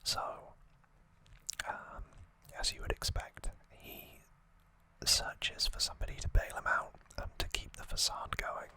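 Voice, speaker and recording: An ASMR host whispers breathily, offering a soft, unhurried recap that stays casual and drifts into conversational asides.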